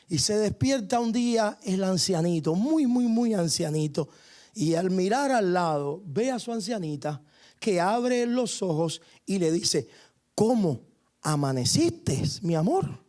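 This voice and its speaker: A man's voice: very high voice, a little mellow. A male pastor preaching a sermon in a church, fervent and punctuated with frequent hallelujahs. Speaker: guest pastor. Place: church sanctuary.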